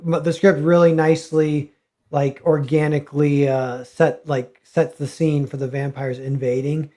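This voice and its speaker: A man's voice: on the high side, little pitch movement, a little slow, dark tone. A man, a comic artist guest, talking casually and ramblingly with many fillers and restarts. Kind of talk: casual livestream chat.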